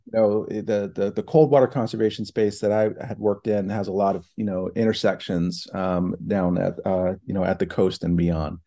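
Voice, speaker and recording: Mellow-voiced man on a video call. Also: fairly low pitch, level tone, normal speed, few pauses. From New Hampshire and Ohio, United States. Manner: thoughtful, many fillers and restarts. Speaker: guest, foundation president. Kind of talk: casual online interview. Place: home office with bookshelves. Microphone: video call from laptop.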